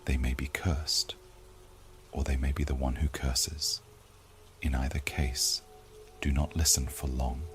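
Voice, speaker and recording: A man narrating a scripted horror story in a hushed, often half-whispered delivery. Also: extremely low pitch, flat delivery, a little slow, pauses often, a little hiss or hum.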